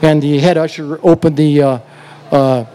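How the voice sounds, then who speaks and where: A man's voice: fairly high pitch, fairly even intonation, moderate pace, clean tone. A male country singer chatting with the crowd between songs on an outdoor festival stage, telling a story in a rambling, easygoing way into a stage mic. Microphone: stage vocal mic. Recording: live stage sound with loud band. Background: loud live band music.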